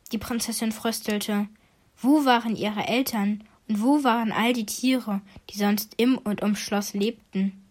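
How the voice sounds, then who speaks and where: A woman reads a children's fairy tale aloud, calm and soft, her voice slightly high. She keeps a gentle, even storytelling manner. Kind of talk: scripted children's story narration.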